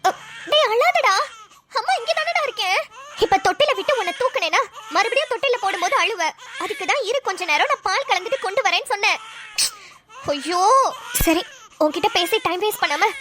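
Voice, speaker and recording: A woman's voice: very high voice, lively intonation, fairly quick, pauses often, noisy background. A woman voicing a harried young mother in a cartoon, exasperated and scolding as she complains. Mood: frustrated. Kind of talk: cartoon voice acting.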